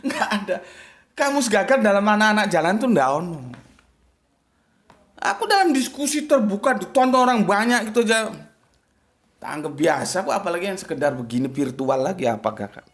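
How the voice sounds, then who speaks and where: A man giving an informal religious talk, blunt and combative, with big swings up and down in pitch. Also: animated, brisk, fairly bright tone. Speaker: preacher and debater.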